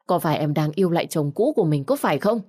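A woman's voice: low voice, expressive, fast, mellow. A woman reading a jealous, accusing suitor. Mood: angry. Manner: accusing, insistent. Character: jealous young man, pushy suitor.

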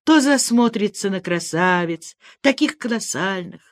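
A woman narrating a literary story in an expressive, dramatic reading. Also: medium pitch, measured pace, no echo, clean studio sound. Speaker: audiobook reader.

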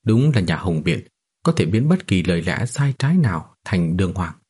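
A man narrating a fantasy novel as an audiobook in a steady, even reading style. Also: low-pitched, normal speed, breathy edge.

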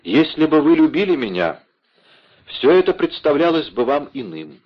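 A man's voice: a little high, very animated, moderate pace, muffled recording, voice pushed up. A man playing a passionate, devoted young nobleman in an audiobook, speaking ardently. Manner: ardent, impassioned.

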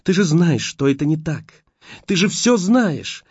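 Brief: man voicing a panicked young woman, high strained pleading, lo-fi dry audiobook. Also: sing-song, unhurried, a little mellow, breathy edge, dry recording, full character voice. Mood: desperate. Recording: dull lo-fi dry recording.

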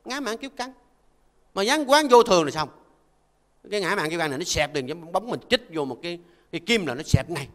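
An older Buddhist monk gives a folksy, conversational dharma talk and keeps asking listeners to agree. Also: male voice, high voice, lively intonation, brisk, a bit bright, long reverb tail. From Vietnam. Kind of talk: conversational sermon.

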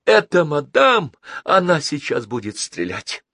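A man voicing a frightened woman who shouts a warning in high-pitched panic. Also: sing-song, a little slow, dry recording, clean studio sound, full character voice. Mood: terrified. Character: frightened woman shrieking in alarm.

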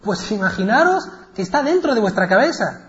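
A man from Spain who gives a religious lecture as a dramatic, animated story and laughs between phrases. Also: high voice, a little fast. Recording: echoey, dull lecture recording.

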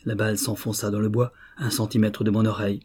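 A man narrating an audiobook in a steady, measured storytelling manner. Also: lowish voice, slightly rough.

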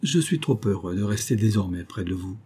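A man reading the part of a weathered older boatman and former convict, low-voiced, humble and eager to serve. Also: animated, brisk, dark tone, breathy edge. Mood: earnest.

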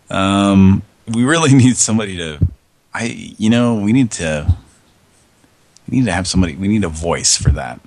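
A hoarse, scratchy-throated man hosts a loose radio show, rambling and meandering as he goes. His voice sits very deep and his delivery is slow and unhurried. The studio sound is close and dry. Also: expressive, a little mellow, no room sound. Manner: rambling, meandering, chuckling often. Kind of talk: casual radio chat.

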